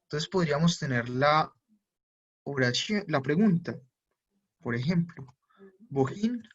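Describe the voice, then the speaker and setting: A man's voice: a little high, expressive, slow pace, slightly rough. A man teaching a German class, who patiently repeats each word pair and checks for questions. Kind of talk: live online class explanation. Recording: muffled lo-fi audio.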